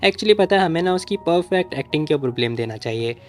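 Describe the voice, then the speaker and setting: A man reading the lines of a curt, angry young man in a low, quiet voice. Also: expressive, quick pace, faint music behind, lightly acted.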